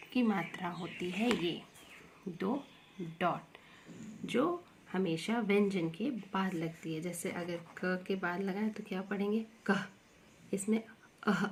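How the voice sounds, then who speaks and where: A woman teaching Hindi grammar to young children, slowly repeating words and asking questions to the class. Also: medium pitch, a little mellow, slight background noise. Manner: slow, repeats words and asks questions to the pupils.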